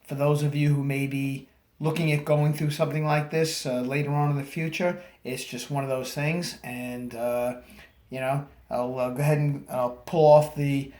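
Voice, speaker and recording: A man recording a casual video diary, halting and slightly groggy after surgery. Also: mid-range voice, flat delivery, darkish tone. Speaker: vlogger. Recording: echoey room.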